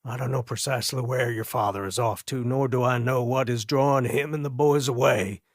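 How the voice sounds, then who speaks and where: A man doing a grizzled older man with a calm, steady way of comforting someone. The voice sits mid-range and sounds close and dry, with no room around it. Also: medium pitch, fairly quick, no room sound, close to an everyday voice. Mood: reassuring.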